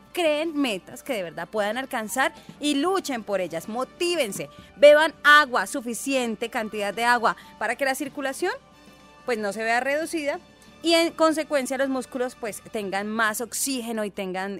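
A woman's voice: on the high side, a bit bright. A woman with a Colombian accent co-hosting a radio show, playful and bubbly, giving energy tips. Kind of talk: casual radio chat.

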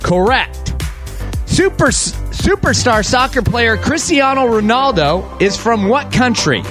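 A man's voice: very high-pitched, big pitch swings, slow. A man hosting a radio show, chatting casually with callers. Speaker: radio host. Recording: music playing behind voice.

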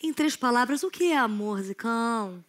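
A woman hosting a comedic talk show, joking and teasing her guest with quick banter. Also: fairly high pitch, animated, a bit bright. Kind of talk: comedic interview.

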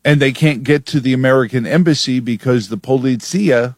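A man's voice: medium pitch, a little fast, dry recording. A man hosting a talk radio show, delivering an opinionated, sardonic monologue from a studio.

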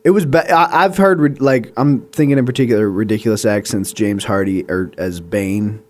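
A man's voice: fairly low pitch, normal speed, a little mellow. A man co-hosting a podcast chats casually about a film. He hesitates and restarts his sentences, and adds dry, wry remarks. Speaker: podcast co-host. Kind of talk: casual movie review chat.

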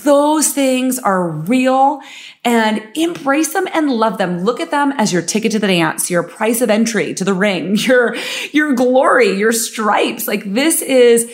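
Upbeat motivational woman podcast host. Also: fairly high pitch. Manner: emphatic, frequent filler words, laughs easily. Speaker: podcast host and company founder.

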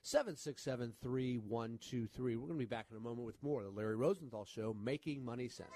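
A man's voice: mid-range voice, fast talker, over loud music. Emphatic man hosting financial radio. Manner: reassuring, emphatic advice with frequent "right?" and "okay?". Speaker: financial radio show host. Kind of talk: radio call-in talk.

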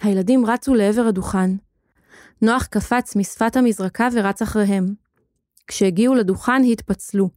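A woman giving a steady, expressive scripted narration of a children's story. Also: mid-range voice, no echo, clean studio sound.

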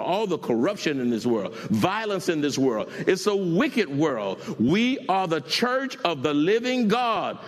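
Preacher man with a lively, building voice. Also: high voice, big-room sound. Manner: builds to shouting and chanting. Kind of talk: sermon.

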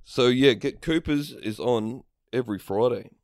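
A man's voice: mid-range voice, normal speed, no room sound, clean studio sound. An Australian man co-hosting a comedy podcast in casual chat, with matey, sweary banter.

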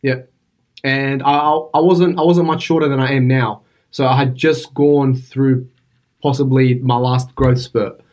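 A man's voice: mid-range voice, a little slow. Easygoing young man. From Iraq, raised in western Sydney. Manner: relaxed, easygoing, some restarts. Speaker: guest bodybuilder and engineer. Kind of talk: casual interview. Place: office.

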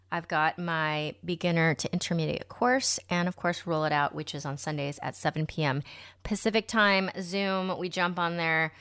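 A woman's voice: on the low side, fairly bright tone, clear, resonant tone. An American woman hosting a podcast in a casual, chatty, slangy way. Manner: informal, slangy, addresses listeners as friends. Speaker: podcast host.

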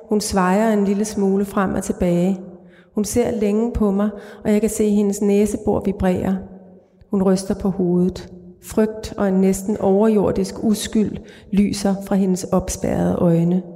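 A middle-aged woman author reading her fiction aloud and answering questions, measured and calm. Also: medium pitch. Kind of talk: literary reading and interview answers. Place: large church. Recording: reverberant church hall.

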